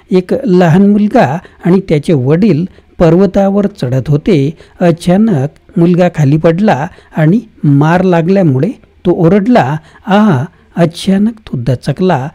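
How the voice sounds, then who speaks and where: A narrator reading a self-help book summary in a steady, even scripted narration with no fillers. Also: mid-range voice.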